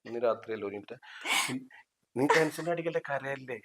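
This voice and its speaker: A man playing a scheming friend who calms a crying woman while bargaining for favors, in a short film. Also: medium pitch, fairly quick, natural voice. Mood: sly soothing. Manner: soothing yet sly, repeatedly saying not to cry. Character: scheming man who offers help for a price. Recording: noisy background hiss.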